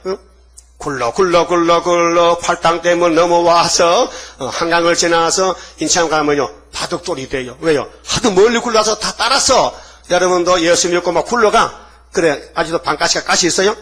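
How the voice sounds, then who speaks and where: Husky older man preaching a sermon. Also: on the high side, fairly bright tone. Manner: colloquial, scolding, asks the congregation questions. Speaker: pastor.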